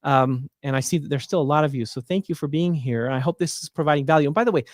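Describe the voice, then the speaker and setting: A man's voice: a little high, fast talker, no room sound, clean studio sound. A man hosting a livestream, casually walking viewers through insurance plans while thinking aloud with fillers and restarts. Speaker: Medicare plan advisor hosting a livestream.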